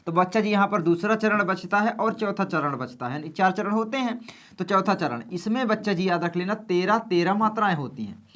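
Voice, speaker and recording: A high-pitched male teacher leads exam preparation at an unhurried, gentle pace. His manner is soft-spoken and warm toward the class, and he repeats the important points.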